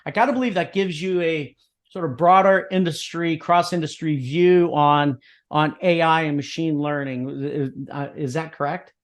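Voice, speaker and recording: A man hosting a podcast, interviewing a guest in a chatty, joking way. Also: a little high. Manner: chatty, jokey, quick bursts of speech. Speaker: podcast host. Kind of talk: casual interview.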